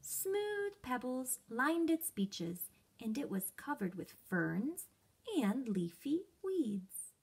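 A woman, reading a storybook aloud to children with expressive, emphatic phrasing, recorded at home. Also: fairly high pitch, slow. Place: room at home.

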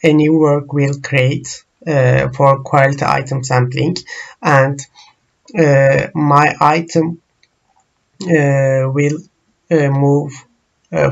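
A man whose first language is Turkish, walking through software screens in a slow, halting tutorial full of pauses and fillers. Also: a little high, little pitch movement, gravelly, highs cut off. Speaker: software trainer.

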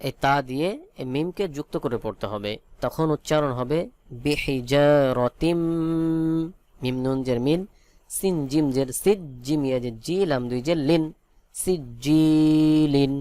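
A Bangladeshi-accented man teaches Quran reading at an unhurried pace. He spells out letters and vowel marks one by one, then draws the words out in a slow chant. His voice is smooth and resonant, and the recording is dry and close. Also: mid-range voice, darkish tone, no echo. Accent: Bangladeshi Bengali. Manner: slow, drawn-out syllable-by-syllable spelling with chanted recitation. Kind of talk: spelling-out Quran recitation lesson.

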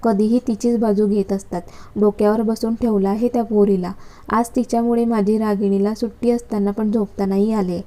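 A woman's voice: medium pitch, level tone, moderate pace, lightly acted. A woman voicing a harsh, scolding middle-aged aunt in a read-aloud story. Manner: sharp, nagging, contemptuous.

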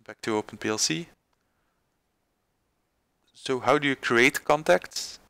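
A man presenting a screen-recorded software tutorial, halting with many fillers and restarts. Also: mid-range voice, creaky, slight background noise.

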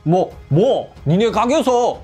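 A man's voice: high-pitched, sing-song, takes it slowly, warm tone, breathy edge, soft background music, exaggerated voice. A man voicing a karaoke owner in his late fifties who grovels to gangsters and blusters at everyone else. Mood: blustering. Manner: groveling, then swaggering and bossy.

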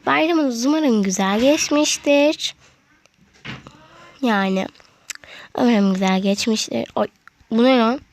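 A female gaming video creator talks through her gameplay casually, treating viewers as friends and quickly getting frustrated with the game. Her voice is fairly high, she takes it slowly with frequent pauses, and there's slight background noise.

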